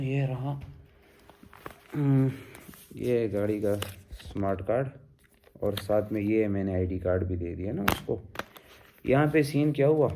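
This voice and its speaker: A man from Peshawar, Pakistan, telling a story in a casual vlog and acting out the dialogue with animation. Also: mid-range voice. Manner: animated retelling that acts out quoted dialogue. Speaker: vlogger.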